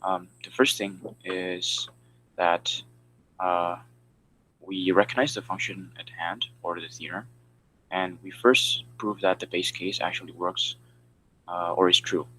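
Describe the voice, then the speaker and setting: A man's voice: low voice, steady tone, unhurried, pushed and bright, a little hiss or hum, low-quality recording. A man giving a class presentation over a video call, explaining step by step with frequent fillers. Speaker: student presenter.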